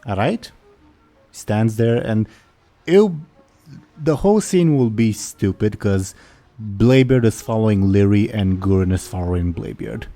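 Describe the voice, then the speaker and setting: Male game master, deep-ish relaxed voice, casual tabletop narration over soft music. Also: a little slow.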